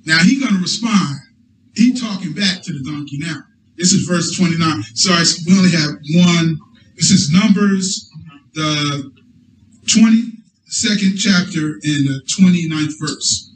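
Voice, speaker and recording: A man's voice: on the high side, a little slow, a little hiss or hum. A man preaching a sermon to his congregation, often asking for an amen and restarting his phrases. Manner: call-and-response, restarts often. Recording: echoey hall, distant mic.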